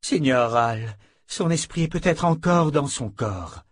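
A man's voice: medium pitch, animated, a little slow, no room sound, pitched above the performer's own voice. A man reading an audiobook, voicing a stern young female warrior bodyguard who speaks bluntly and firmly. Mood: insistent.

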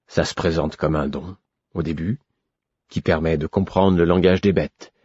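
A man voicing a stern, bitter grown man who has been drinking, speaking with low menace that can flare into roaring anger. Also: fairly even intonation, moderate pace, darkish tone, breathy edge, no echo, lo-fi sound. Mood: brooding, menacing.

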